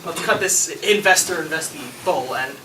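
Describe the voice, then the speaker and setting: An actor playing a genial, casually confident investor, speaking in an informal, emphatic way in scripted film dialogue. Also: male voice, a little high, moderate pace, crowd noise, lightly acted. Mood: enthusiastic. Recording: echoey room, distant mic, noisy clicks.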